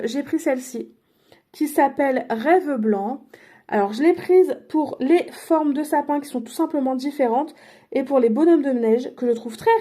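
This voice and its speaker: Her voice high-pitched yet dark in tone, a woman runs through her craft purchases in a casual vlog. As a crafting vlogger doing a product haul, she sounds chatty and unsure, with many fillers and self-corrections.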